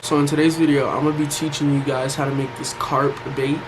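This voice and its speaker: A man's voice: a little high, flat delivery, brisk. An American man giving a casual, informal how-to vlog in a room with a fan running. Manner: informal, colloquial, addresses viewers as "y'all" and "guys". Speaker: vlogger giving a fishing bait tutorial. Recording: noisy home recording with fan hum. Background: fan noise.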